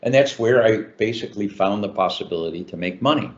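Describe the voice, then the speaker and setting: A man's voice: fairly low pitch, expressive, a little fast, dull audio. An older man from Chicago, an author answering interview questions in a talkative way, with many fillers and restarts. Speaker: author guest.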